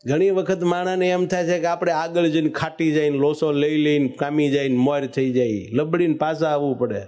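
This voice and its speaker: High-voiced preacher telling a story. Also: male voice, little pitch movement, moderate pace, darkish tone. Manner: storytelling, bursts into sung verses, calls out lines. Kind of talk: devotional sermon with sung verses.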